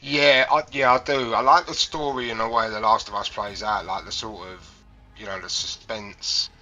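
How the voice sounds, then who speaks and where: A man's voice comes through a thin, tin-can-like cheap microphone on a voice call, sounding bright and edgy, a little lower than most men. He chats loosely and rambles, stopping and restarting sentences with plenty of fillers. Soft music sits faintly underneath. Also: steady tone, normal speed. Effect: tinny cheap mic, like talking into a tin can, over a voice call. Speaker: livestream guest caller. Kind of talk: casual chat about video games.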